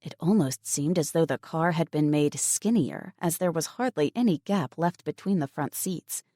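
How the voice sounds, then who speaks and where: Low, mellow woman narrating a novel. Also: animated, normal speed, no echo, clean studio sound. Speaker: audiobook narrator. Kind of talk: scripted narration.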